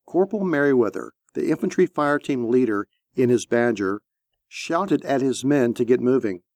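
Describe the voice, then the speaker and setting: A male narrator reads a war scene in a steady, measured way at a middle pitch. The recording is dry and close, with no room sound at all. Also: no room sound. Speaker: audiobook narrator. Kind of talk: scripted narration.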